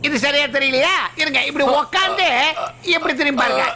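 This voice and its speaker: A woman's voice: high voice, a little fast, pushed and bright. An actress dubbing a mischievous young woman who chatters in a playful, teasing way. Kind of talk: Tamil film dub. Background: film score.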